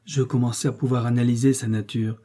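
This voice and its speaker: A male audiobook narrator reading a classic novel in an even, measured delivery. His voice is mellow and soft-edged, with a slight huskiness. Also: medium pitch, slightly rough. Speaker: audiobook reader.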